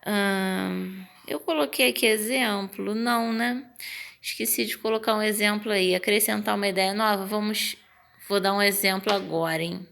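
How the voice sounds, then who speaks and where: A woman's voice: medium pitch, moderate pace, gravelly. A woman teacher with a Brazilian Portuguese accent, patiently explaining punctuation step by step and acting out example phrases. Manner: acts out example phrases with lively intonation. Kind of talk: online grammar lesson.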